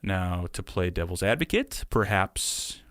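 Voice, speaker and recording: A man's voice: deep voice, very animated, measured pace, fairly bright tone, dry recording, studio quality. A man in his thirties co-hosting a casual podcast, presenting a theory in a wry, hedging way. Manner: wry, hedging, laughs at own claims.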